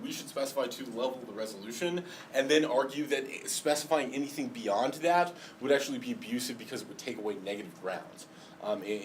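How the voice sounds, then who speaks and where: A man lecturing a class on debate, explaining step by step with many ums and a slight lisp today. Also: mid-range voice. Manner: explanatory, frequent ums and restarts. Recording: distant mic, faint background noise.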